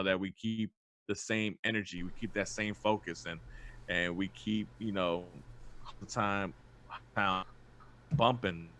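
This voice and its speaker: Man, casual chat, laid-back, bright voice. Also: fairly low pitch. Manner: laid-back, filler-heavy talk. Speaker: podcast co-host.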